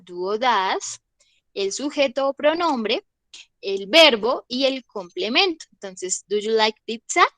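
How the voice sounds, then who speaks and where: A young woman teaching a grammar lesson, patient and methodical, checking in with her students after each point. Her voice sits a little high. The sound is dry, with no room echo. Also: a bit bright. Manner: patient, checks in often with short questions. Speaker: English teacher. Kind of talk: explaining grammar to a class.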